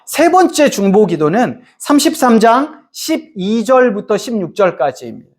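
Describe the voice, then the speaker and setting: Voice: mid-range voice, big pitch swings, normal speed. A preacher giving a sermon, reading scripture aloud and questioning the congregation. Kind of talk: sermon, Bible teaching.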